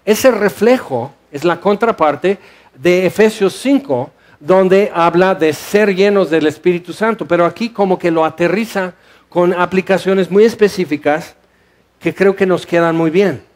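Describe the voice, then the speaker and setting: Animated high-voiced male preacher. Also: a little slow. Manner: animated preaching, rhetorical questions. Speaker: pastor. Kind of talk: sermon. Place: church hall.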